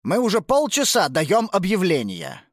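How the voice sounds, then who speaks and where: A woman's voice: a bass voice, big pitch swings, a little fast, breathy edge, dry recording, studio quality, pitched below the performer's own voice, exaggerated voice. Lady doing a stern lifeguard guy, scolding, storybook. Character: stern, reproachful adult male lifeguard.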